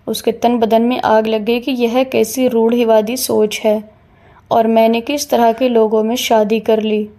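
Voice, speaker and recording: A woman narrates a scripted story at an unhurried, steady pace. Her voice sits slightly high but sounds mellow and dark, and she keeps the melody flat. She reads the characters' lines in that same even voice. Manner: even, steady reading, voicing all characters' dialogue in the same voice.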